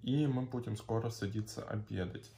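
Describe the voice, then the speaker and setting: Low-voiced young man, casual vlog chat. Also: normal speed, vocal fry, warm tone. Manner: slangy, chatty, rambling. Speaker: vlogger. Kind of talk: casual video diary chat. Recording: faint background noise with clicks.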